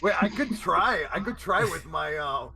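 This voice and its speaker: A man's voice: high-pitched, animated, moderate pace, creaky, sharp tone. A man playing a tabletop game, playful and joking. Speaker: player. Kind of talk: tabletop role-play chat.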